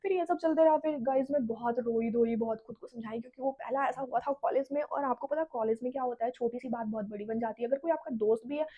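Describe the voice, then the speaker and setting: A woman's voice: a little high, fast talker, hardly any pauses, narrow, tinny audio. A young woman telling a storytime vlog in a chatty, dramatic way, talking straight to her viewers.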